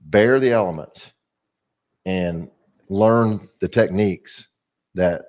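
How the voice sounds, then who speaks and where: A man in his fifties talks fishing in a casual chat. His voice is very deep, and he makes calm, dry remarks. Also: takes it slowly. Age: 50s. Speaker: fishing guest.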